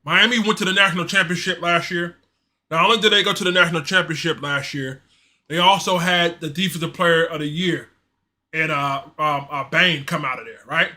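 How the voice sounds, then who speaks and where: A man hosting a casual live-stream sports show, talking in a loose, slangy, animated way and reading chat messages aloud. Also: fairly high pitch, a little fast. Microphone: streaming mic.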